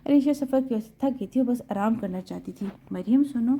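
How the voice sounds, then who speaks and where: Woman narrator, husky voice, dark mellow tone, steady audiobook reading. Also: on the high side. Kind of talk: reading a romance novel aloud.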